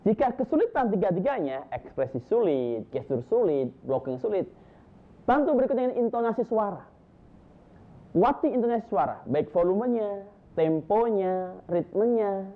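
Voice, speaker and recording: A man's voice: sits high, moderate pace. Emphatic man teaching storytelling, tinny sound. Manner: lively, emphatic, lists points with rising energy. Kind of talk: instructional talk to storytellers.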